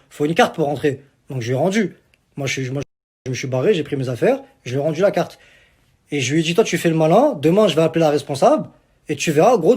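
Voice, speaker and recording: A man's voice: on the high side, darkish tone. A young man from Algeria ranting boastfully in a casual vlog, repeating himself and swearing oaths, recorded on a phone. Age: young adult. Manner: boastful, repetitive swearing on the Quran. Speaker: social media personality.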